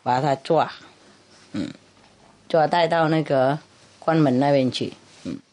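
A woman's voice: sits low, slow pace, a little mellow. A woman Buddhist master telling a humorous story in a chatty way, laughing and repeating herself.

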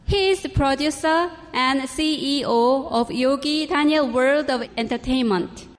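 A woman's voice: sits high, unhurried. A woman moderator formally introducing the next questioner. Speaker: event moderator.

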